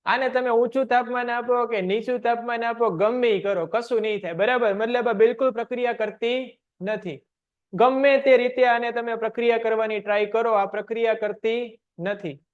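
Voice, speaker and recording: A man teaches a science lesson online. He fires short questions at the class and answers them himself in a steady drilling rhythm. The audio is dull and lo-fi. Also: very high-pitched, normal speed.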